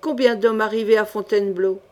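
A woman's voice: mid-range voice, steady tone, fairly quick, natural voice. A woman voicing a brusque, furious medieval duke who barks curt orders at his men in an audiobook. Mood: commanding.

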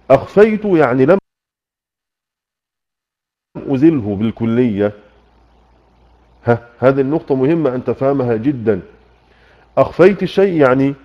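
A man with an Egyptian accent teaching Quran recitation rules in an online lesson, repeating key points and quizzing his listeners. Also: mid-range voice. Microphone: computer microphone in voice chat room. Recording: muffled online voice chat.

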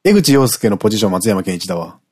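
A middle-aged man co-hosts a radio show in loose, casual chat. His voice sits a little low with a husky edge, and it leaps up and down as he talks. He fires off rambling asides quickly and laughs easily. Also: big pitch swings, darkish tone.

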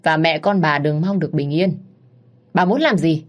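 A woman voicing a furious, protective middle-aged mother who shouts and scolds in a storybook reading. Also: low voice, normal speed, lightly acted.

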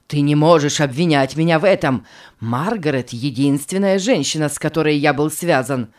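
A woman's voice: low voice, moderate pace, lightly acted. A woman voicing an anguished married man begging his young lover to take him back, in a read-aloud story. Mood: desperate. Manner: pleading, wheedling.

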